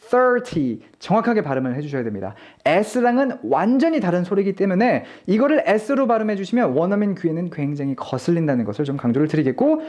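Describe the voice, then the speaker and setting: A pronunciation teacher giving a polite, patient online lesson, saying example words slowly and repeating them. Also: mid-range voice, dark tone. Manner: polite, encouraging instruction to viewers. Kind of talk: online lecture.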